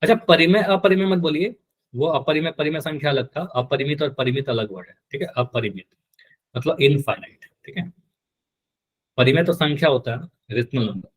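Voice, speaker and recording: Male math teacher, slightly higher voice, patient drills, live online class. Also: expressive, normal speed, husky. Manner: patient, repeats key terms and quizzes students.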